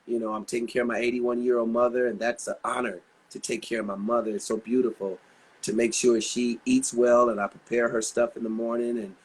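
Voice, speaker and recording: A husky-voiced man in his sixties talks as an interview guest. He rambles through anecdotes in a casual, chatty way with many asides. His pitch sits in a middle range for a man. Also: level tone, a little fast. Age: 60s. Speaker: guest singer.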